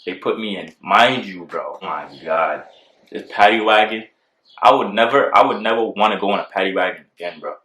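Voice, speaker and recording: A man's voice: lowish voice, moderate pace, sharp tone. A young man telling a rambling storytime in casual slang, full of "like" and "bro". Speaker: vlogger. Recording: echoey room.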